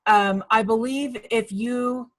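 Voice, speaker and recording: A woman on college staff answering instructors' questions during a video call training, speaking in a measured, informative way with frequent fillers. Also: fairly high pitch, steady tone, rough recording.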